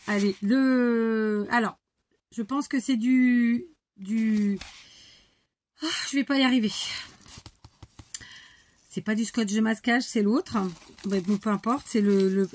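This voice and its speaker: A woman's voice: medium pitch, a little mellow. Chatty French woman opening mail. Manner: chatty, many restarts and little laughs. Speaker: scrapbooking YouTuber. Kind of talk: casual chat while opening mail.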